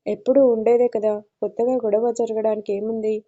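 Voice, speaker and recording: A woman voicing a caring, worried middle-aged uncle who talks gently and gives advice in an audio story. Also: fairly high pitch, flat delivery, fairly quick, highs cut off, lightly acted. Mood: confiding. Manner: gentle, confiding, advising.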